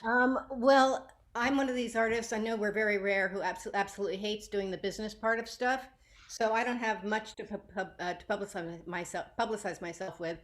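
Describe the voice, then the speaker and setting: A woman's voice: medium pitch, steady tone, a little fast. A woman artist speaking as a panelist on a video call, in a wry, self-deprecating way. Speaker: panelist, digital and ink artist. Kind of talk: casual remarks on a video call.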